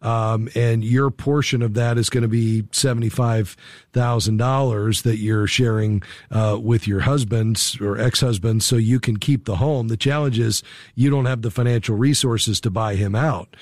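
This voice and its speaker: A man hosting a call-in advice show, explaining things calmly and step by step into a studio microphone. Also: medium pitch, dry recording. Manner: calm, measured, explaining step by step. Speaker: radio host, financial advisor.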